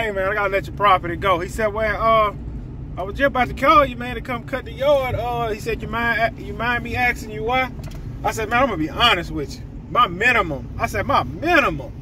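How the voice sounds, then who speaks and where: A middle-aged man talks in a notably high voice, spinning plain, repetitive stories from behind the wheel. The dashboard camera catches clear road noise humming around him. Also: sharp tone. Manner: storytelling, plainspoken, repeats phrases. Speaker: lawn service owner. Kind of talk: casual vlog talk while driving. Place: inside a pickup truck.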